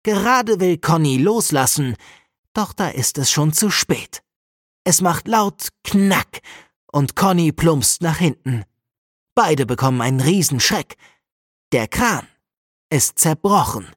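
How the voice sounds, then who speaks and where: A woman narrating a children's audiobook with a lively, expressive reading. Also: low voice, takes it slowly, pauses often, no room sound, clean studio sound. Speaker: storyteller.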